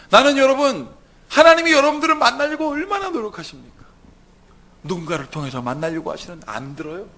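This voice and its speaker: A pastor delivers his sermon in a high, bright, forceful voice. He tells the story with animation and keeps turning to the congregation with rhetorical questions. A faint hum of noise sits behind him.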